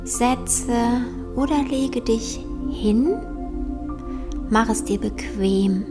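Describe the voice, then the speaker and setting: A woman guiding a meditation in a soft, breathy near-whisper, soothing and unhurried with long pauses. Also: on the high side. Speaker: meditation guide. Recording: soft new-age music behind. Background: new-age meditation music.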